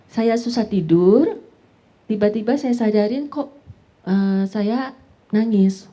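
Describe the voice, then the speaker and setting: Mellow, husky-voiced woman sharing a testimony. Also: mid-range voice, slow, rough recording. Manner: conversational, often adds "Pak" to address the host. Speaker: talk show guest. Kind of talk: personal church testimony.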